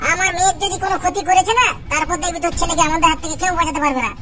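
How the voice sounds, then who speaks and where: Angry cartoon villager, shrill and rapid woman voicing, over loud music. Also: steady tone. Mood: furious. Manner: shouting, threatening, rapid. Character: furious loud adult village man, threatening.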